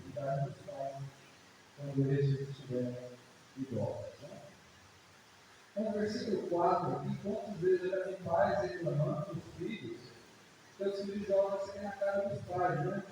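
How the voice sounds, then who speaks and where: A man's voice: on the high side, dark tone. A man with a Brazilian Portuguese accent preaching a sermon at a prayer service, chatty, often tagging his sentences with a questioning aside and acting out parents and children. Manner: conversational preaching, frequent "né?" tags, acts out parents and children. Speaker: pastor. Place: church hall. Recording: echoey church hall, distant mic, faint hiss.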